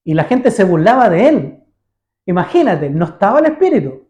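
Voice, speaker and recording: A man's voice: high voice, sing-song, normal speed, dark tone, muffled recording. A man preaching a sermon in a church. He speaks conversationally, keeps asking his listeners questions and acts out the voices of the people in his stories. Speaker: pastor.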